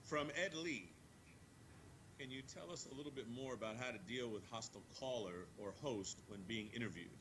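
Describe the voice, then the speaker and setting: A man with a mid-range voice reads questions out to a guest in brief, polite turns. A steady, clear rumble runs behind him. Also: normal speed. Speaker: interviewer reading audience questions.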